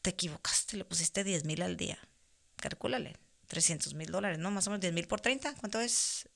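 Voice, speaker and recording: Lady chatting and telling a story, lively, bright clear voice, laughs here and there. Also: lowish voice, a little fast. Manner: animated, laughs often while telling a story. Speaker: guest. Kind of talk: casual chat, storytelling.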